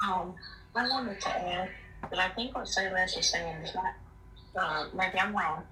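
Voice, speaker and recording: A woman's voice: fairly low pitch, steady tone, measured pace, bright, forceful tone. Woman caller, muffled as through a wall, hesitant polite pushback, far from the mic in a roomy space. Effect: muffled, as if heard through a wall. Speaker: caller on a live stream. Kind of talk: casual debate. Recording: muffled, roomy, distant call audio with faint noise.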